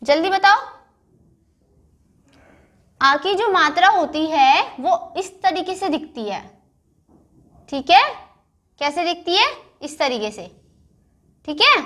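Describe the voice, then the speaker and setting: With a very high, sharp voice, a woman leads a primary phonics lesson for young children, breaking words into syllables and quizzing them. She keeps checking in with "theek hai."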